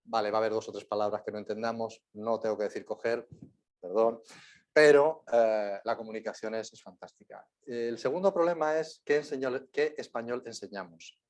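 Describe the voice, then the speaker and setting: A man with a Spain Spanish accent speaks as a guest lecturer answering questions in a university lecture room. His voice is on the low side and a little mellow, at a normal speed. He rambles on, frequently adding tag questions.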